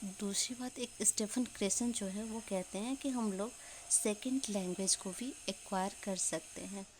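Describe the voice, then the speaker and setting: A woman teacher gives an exam revision lesson at a middling pitch. She poses questions and answers them herself, and spells words out letter by letter. She slows down to read English definitions. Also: darkish tone, slight background noise.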